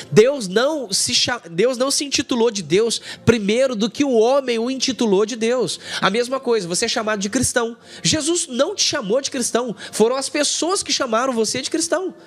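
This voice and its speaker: A man from Brazil teaching an online Bible lesson as a pastor, emphatic and animated, acting out dialogue. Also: sits high.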